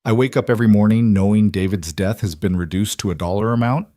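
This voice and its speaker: A man voicing a weary, grieving young widow in a storybook reading, in his own low, dry voice. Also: fast talker, dark tone, dry recording, close to an everyday voice. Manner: tired, pleading.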